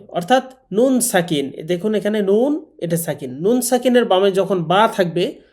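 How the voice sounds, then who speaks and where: A man teaching a Quran class, explaining rules patiently and slowly stretching out Arabic sounds as examples. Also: high voice, darkish tone. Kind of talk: classroom lesson.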